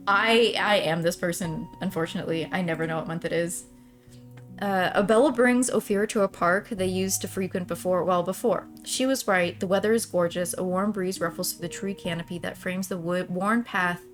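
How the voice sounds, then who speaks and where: Soft music plays as she speaks briskly, her pitch fairly low. She mixes read-aloud narration from the visual novel with informal, chatty commentary, often trailing off before finishing a thought.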